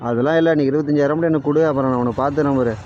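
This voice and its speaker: A man's voice: on the high side, steady tone, very fast, a little mellow, lo-fi sound, a little hiss or hum. A young man with a Tamil Nadu village accent in a casual comedy skit, talking in a coaxing, persuasive way.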